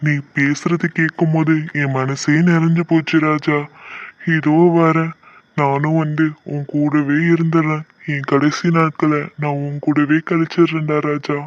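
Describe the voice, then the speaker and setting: A man's voice: a little high, level tone, a little slow, dry recording, close to an everyday voice. A man voicing a lonely, grieving old grandfather in a cartoon, who speaks in a sorrowful, pleading way. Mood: grateful. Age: older. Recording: dull lo-fi, dry.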